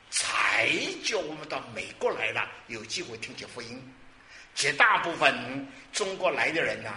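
A man in his sixties preaching a sermon, lively and exclamatory, asking questions and answering them himself. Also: on the high side, slight background noise. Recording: roomy hall with faint ambience.

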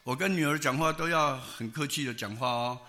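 A man's voice: medium pitch, fairly quick, pushed and bright. An older man with a Taiwanese Mandarin accent preaching a sermon, telling stories in a folksy way with many fillers and tag particles. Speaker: pastor.

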